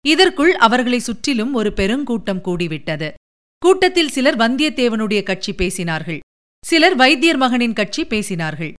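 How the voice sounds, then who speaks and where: Clear-voiced woman narrating a story. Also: fairly high pitch, normal speed. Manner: expressive storytelling reading. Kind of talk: scripted audiobook narration.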